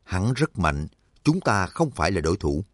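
A man's voice: deep voice, sing-song, moderate pace, no room sound, clean studio sound. A man voicing a worried fighter who speaks grimly about a stronger enemy in an audiobook. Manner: tense and grim. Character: worried male fighter weighing the odds.

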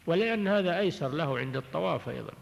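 A man teaching a religious text in a measured way, often repeating and restarting his phrases and clearing his throat. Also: on the high side, animated, a little hiss or hum. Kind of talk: recorded lecture explaining jurisprudence. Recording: long hall reverb on an old tape.

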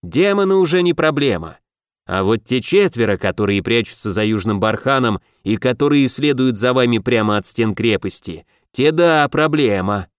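A man voicing a calm, knowing male spirit companion in an audiobook who speaks in an assured, low-key way. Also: moderate pace, clear, resonant tone, no room sound, clean studio sound, close to an everyday voice.

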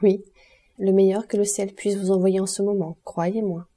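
A grave, mysterious count, read by a woman speaks low and insistently in an audiobook. The tone is very dark and mellow, a little husky, and softly restrained. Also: flat delivery, normal speed, close to an everyday voice. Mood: grave hushed. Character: mysterious male count, calm, grave protector. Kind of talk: audiobook character reading.

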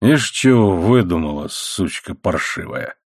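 A man's voice: sits low, expressive, measured pace, no room sound, clean studio sound, pitched below the performer's own voice, exaggerated voice. A man voicing a drunken, coarse middle-aged coal miner who drags out his words and then bellows. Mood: sullen drunk. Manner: slurred drawl turning to bellowing.

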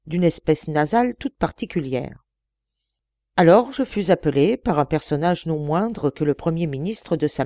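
A woman's voice: fairly low pitch, dark tone, dry recording, studio quality. Woman reading as a sly, stern male envoy in an audiobook. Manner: stern and wheedling.

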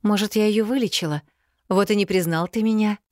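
A woman voicing a young bride who babbles flippant nonsense in a higher, lively voice. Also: fairly quick, no room sound, studio quality, close to an everyday voice.

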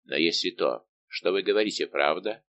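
A man's voice: low-pitched, moderate pace, a bit bright, highs cut off, voice pushed down. A man reading an audiobook, voicing a haughty young king who questions and rebukes with indignation. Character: haughty young male king, imperious and angered.

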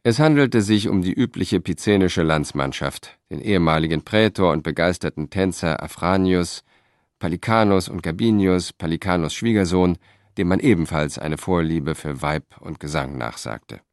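A male audiobook narrator reading in a measured, even way. His voice sits very low, and the recording is close and dry with no room sound. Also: no echo. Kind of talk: scripted narration.

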